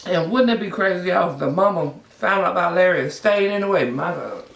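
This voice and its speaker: A vlogger chatting casually and bluntly to viewers between bites of food, telling things in an animated way. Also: medium pitch, a little fast, gravelly. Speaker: mukbang vlogger. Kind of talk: casual chatty mukbang vlog while eating. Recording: echoey room.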